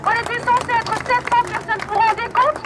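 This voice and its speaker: Blunt high-voiced woman scolding a rally. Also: flat delivery, a little fast. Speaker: rally speaker. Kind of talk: impassioned rally speech. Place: outdoor street rally. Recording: outdoor rally with crowd and street noise.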